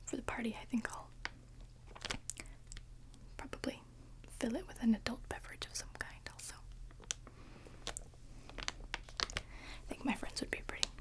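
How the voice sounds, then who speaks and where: A woman hosting an ASMR video, chatting to viewers in a soft, breathy whisper with hesitant pauses between short phrases. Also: on the high side, fairly even intonation.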